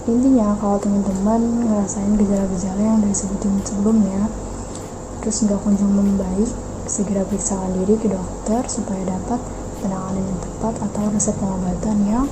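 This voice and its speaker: A young woman from Indonesia explains a health topic in a relaxed, chatty way. Her delivery stays flat and even. A steady background noise runs under her voice. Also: mid-range voice, fairly quick. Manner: casual, explaining to peers. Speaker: student presenter.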